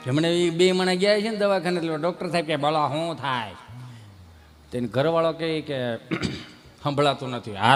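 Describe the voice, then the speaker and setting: A man telling a comic folk story on stage, repeating lines for punch and bursting into loud exclamations. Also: a little high. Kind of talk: live dayro comic storytelling. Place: live stage show.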